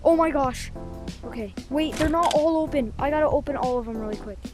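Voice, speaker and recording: A woman's voice: sits high, brisk, over music. A woman hosting a VR gameplay video, chatting casually and exclaiming often over a headset mic. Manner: excitable, exclaiming. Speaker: VR gameplay host.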